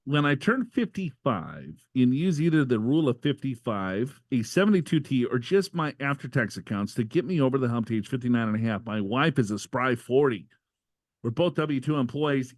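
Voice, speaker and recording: Male podcast co-host, mid-pitched, reads letters with jokey asides, dry close sound. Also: no echo. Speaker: co-host reading listener questions. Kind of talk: casual podcast banter.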